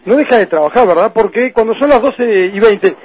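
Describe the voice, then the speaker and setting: A Uruguayan man hosting a radio sports show, lively as he leads segments and introduces guests. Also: high-pitched, a little fast, slightly rough, no room sound. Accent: Uruguayan Spanish.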